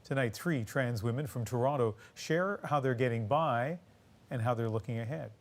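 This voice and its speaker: A man reading scripted news narration as anchor, in a measured, even delivery. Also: medium pitch, noisy background.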